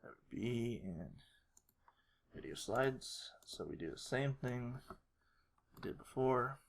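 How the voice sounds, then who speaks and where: A video creator sits indoors at a computer, casually walking through video editing on screen and half muttering while working. The voice is medium-pitched, animated and slow. Keyboard and mouse clicks make the recording clearly noisy.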